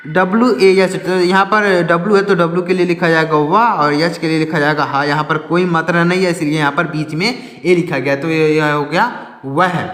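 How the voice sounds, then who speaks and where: A man teaching a slow reading lesson, spelling words out letter by letter, asking and answering his own questions and often correcting himself. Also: high-pitched, a bit bright, echoey room, long reverb tail.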